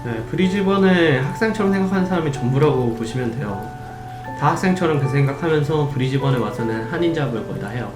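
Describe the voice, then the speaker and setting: A man's voice: mid-range voice, lively intonation, fast, reverberant, music in the background, lightly acted. A man voicing a blunt male working holiday counselor who gives matter-of-fact advice.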